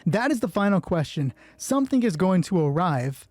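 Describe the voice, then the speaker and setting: As game master of a solo roleplay game, a man swings between hushed, terse storytelling and informal, profane commentary while thinking aloud. His voice sits high and is very animated, at a normal speed, a little mellow and free of echo. There is background music.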